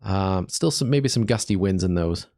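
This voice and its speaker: A man hosting a live severe weather stream as a meteorologist, stuffed up from allergies, talking through the radar in an easygoing, halting way with many fillers. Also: low voice, expressive, vocal fry, darkish tone, dry recording, clean studio sound. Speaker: digital meteorologist, livestream host.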